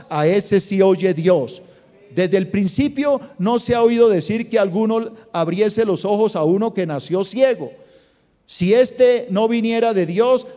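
A man's voice: high-pitched, mellow. A man with a Colombian accent, a pastor preaching a sermon and putting rhetorical questions to his congregation. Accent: Colombian Spanish. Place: large church auditorium. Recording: long hall reverb.

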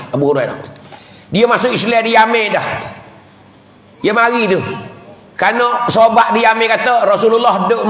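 A man's voice: sits high, a bit bright, a little hiss or hum. A man with a Patani Malay accent, a religious teacher giving a village mosque sermon, telling stories with chuckles and chanting prayers. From southern Thailand. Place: mosque hall. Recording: echoey hall from a distance.

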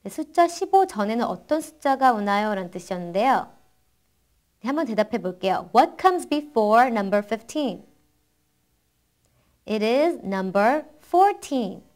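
A young woman teaching math phrases, saying each practice sentence slowly and carefully, and asking and answering her own questions in an encouraging way. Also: on the high side, very animated, darkish tone. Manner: slow, careful English model sentences between quick explanations. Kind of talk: bilingual language lesson.

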